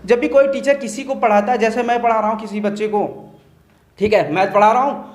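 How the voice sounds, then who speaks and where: A man's voice: high voice, a little fast. Earnest male teacher in an echoey room. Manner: earnest, repeats "theek hai" as a check-in. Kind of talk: opinion discussion.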